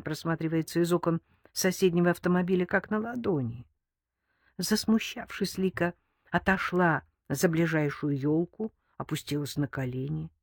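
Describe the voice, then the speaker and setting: A woman's voice: fairly low pitch, a little mellow, no room sound. Woman reading an audiobook, dry close sound. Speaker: audiobook narrator. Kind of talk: scripted narration.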